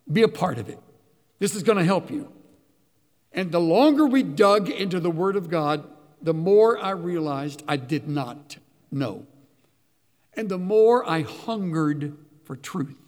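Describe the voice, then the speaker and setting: An older male pastor delivers a storytelling sermon in a fairly high voice. He quotes scripture, rising with emphasis and then sinking to near whispers. The sound carries a long reverberant hall tail. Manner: storytelling, quoting scripture with emphatic rises and hushed drops.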